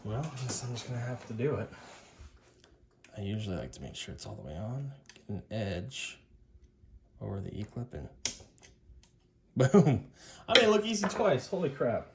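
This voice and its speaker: A hi-fi repair host with a mid-range, sing-song voice works on a repair at a moderate pace, pausing often and muttering informally and cheerfully to himself as he goes. The background is noisy.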